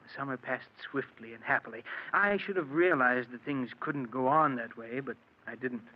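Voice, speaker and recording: A man's voice: mid-range voice, moderate pace, natural voice. An actor in an old-time radio drama, playing an unhappily married, lovelorn man with earnest, dramatic delivery. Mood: wistful, confessional. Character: unhappily married man confessing his past, lovelorn, bitter. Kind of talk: old-time radio drama acting, first-person narration and dialogue. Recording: muffled, noisy old radio recording.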